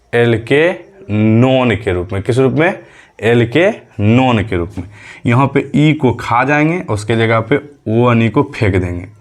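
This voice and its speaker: A male chemistry teacher giving a medium lesson, patiently repeating key terms as questions and counting aloud step by step, with a light tinge. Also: medium pitch. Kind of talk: classroom lesson.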